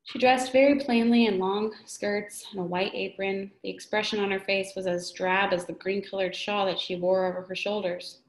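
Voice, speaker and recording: A woman's voice: medium pitch, fairly even intonation, moderate pace, hardly any pauses, roomy sound. A woman teacher reading a children's novel aloud, with small slips and restarts. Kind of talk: read-aloud storytelling.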